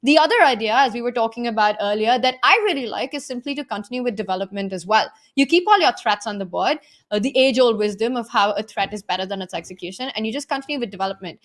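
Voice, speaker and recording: A woman's voice: on the high side, fast. A woman giving live chess commentary, analytical and explaining moves to the viewers in the chat.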